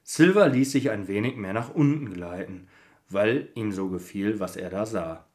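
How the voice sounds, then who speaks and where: A man's voice: on the low side, moderate pace, darkish tone. A man co-hosting a podcast, chatting and then reading a Christmas story aloud while slightly tipsy, laughing and stumbling now and then. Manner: chatty, laughing, reads with small slips. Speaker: podcast co-host.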